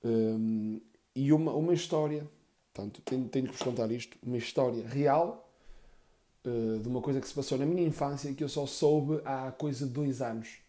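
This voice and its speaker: A male comedian tells crude, rambling stories from his childhood in a stand-up set. His voice is mellow and rounded, and he drops deadpan asides as he goes. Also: medium pitch, normal speed. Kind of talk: stand-up storytelling.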